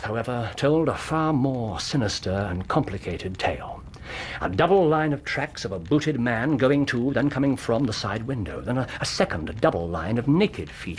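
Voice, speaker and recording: In a radio drama, an English actor plays a brilliant, self-assured detective laying out his deductions through precise, theatrical storytelling. His male voice is fairly low, and there's slight background noise.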